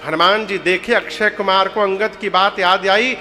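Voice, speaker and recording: Bright-voiced joking Bhojpuri-tinged preacher. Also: male voice, sits high, normal speed. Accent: Bhojpuri-tinged Hindi. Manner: lively, joking, rustic storytelling. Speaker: religious storyteller. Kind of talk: humorous devotional sermon. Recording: reverberant hall with music.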